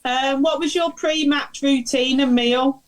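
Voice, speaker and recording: A woman with a Birmingham accent casually asking quick-fire questions on a chat show. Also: high voice, fairly even intonation, crowd noise. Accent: Birmingham (Brummie).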